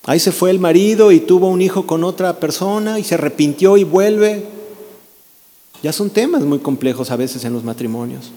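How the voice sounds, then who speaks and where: A man preaching in a sermon, his voice a little high yet mellow and dark in tone. He acts out the quarrels he describes in quick quoted voices. The sound rings with the long reverb of a church hall. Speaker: pastor.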